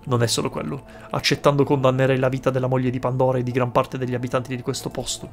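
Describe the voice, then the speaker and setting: A man reading aloud a principled male detective's game lines in a plain, steady voice. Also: mid-range voice, quick pace, creaky, faint music behind, natural voice. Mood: resolute.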